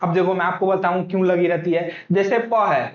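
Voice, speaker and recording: A man's voice: high-pitched, little pitch movement, brisk. A man teaching for exam prep, who keeps asking his own questions and then answering them. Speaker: Hindi teacher. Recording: echoey room, dull lo-fi sound.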